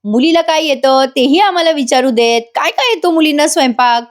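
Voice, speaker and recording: A woman's voice: high-pitched, fairly quick, pitched above the performer's own voice, close to an everyday voice. A woman voicing a stern, scolding middle-aged father from a TV serial.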